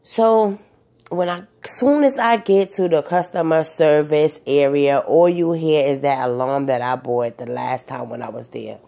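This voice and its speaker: A woman's voice: low voice, steady tone, unhurried, gravelly, warm tone. A young adult woman telling a personal story to the camera in a casual, rambling way, with many fillers and restarts. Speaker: vlogger recounting a personal experience.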